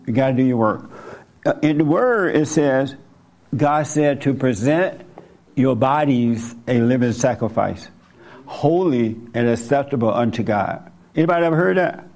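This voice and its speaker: A man acting as a spiritual teacher leads a group in informal teaching, fielding audience questions in a blunt, colloquial way. His voice is medium-pitched and darkish, at a normal speed.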